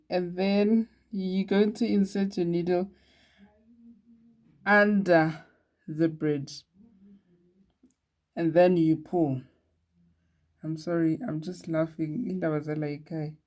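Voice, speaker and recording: A woman talks viewers through a beading pattern step by step. Her voice sits fairly low and she takes her time, chatty and quick to laugh at her own slips. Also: warm tone. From Eswatini. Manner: slow, chatty, laughs at herself. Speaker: beading tutorial host. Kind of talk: casual craft tutorial.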